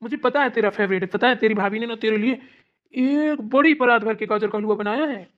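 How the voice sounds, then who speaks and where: Someone doing a protective, scolding elder brother. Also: male voice, high-pitched, a little fast, muffled recording, natural voice. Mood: affectionate. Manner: scolding, affectionate to sister. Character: doting elder brother, protective, quick-tempered husband. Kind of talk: cartoon voice acting.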